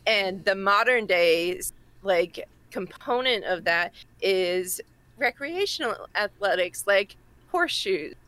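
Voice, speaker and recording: Woman cohost, Massachusetts accent, chatty and quick to laugh. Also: medium pitch, lively intonation, sharp tone, no echo. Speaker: podcast cohost. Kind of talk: casual chat, explaining a pagan festival.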